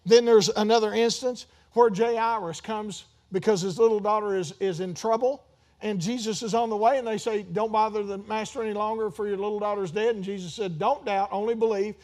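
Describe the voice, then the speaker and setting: A man with a high, light voice preaches a sermon. He talks it through like a conversation, then climbs into loud, emphatic runs and drops back to asides. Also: fairly even intonation, brisk. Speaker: pastor.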